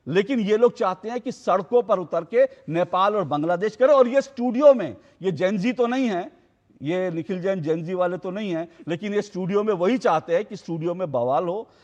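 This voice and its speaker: Guy anchoring a heated tv debate, high voice, keeps hammering the same taunt, studio with long reverb. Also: a little mellow, dull audio. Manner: combative, repeats taunts over and over. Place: TV news studio.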